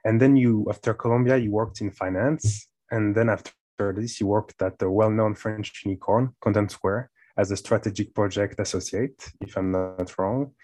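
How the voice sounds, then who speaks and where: A male co-host with a lowish voice asks carefully phrased questions. His sound is dry and close. He keeps a polite, casual interview tone. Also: steady tone, normal speed, hardly any pauses, warm tone, no room sound. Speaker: podcast co-host.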